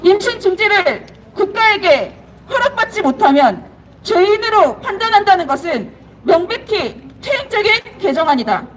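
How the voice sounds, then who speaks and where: A woman activist at an outdoor press conference reading a statement and leading chants in a forceful, declaiming way. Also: extremely high pitch, a little hiss or hum, low-quality recording. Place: outdoor plaza.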